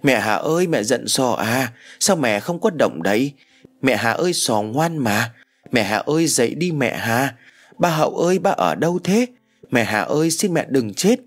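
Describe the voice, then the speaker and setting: A man's voice: medium pitch, lively intonation, normal speed, soft background music, voice pushed up, lightly acted. A man voicing a small, frightened child who sobs and pleads for a mother in an audio storybook. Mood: pleading, sobbing. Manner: sobbing, pleading.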